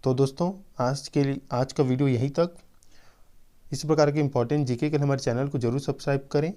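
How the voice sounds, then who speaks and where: A man running a quiz-style exam prep lesson, reading out options and explaining answers slowly with repeated reminders. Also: medium pitch, fairly even intonation, mellow. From Chhattisgarh, India.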